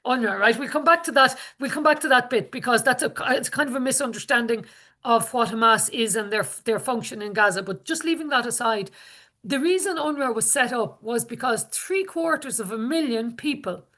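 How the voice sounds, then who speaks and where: A woman's voice: on the high side, a little fast, sharp tone. A woman with a west of Ireland accent giving an informal public talk as an activist, earnest and repeating phrases for emphasis. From Galway, west of Ireland. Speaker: activist speaker.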